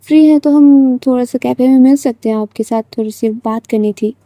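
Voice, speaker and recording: A woman voicing a composed female teacher who speaks softly and politely. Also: sits high, a little fast, dry recording, lightly acted. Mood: calm.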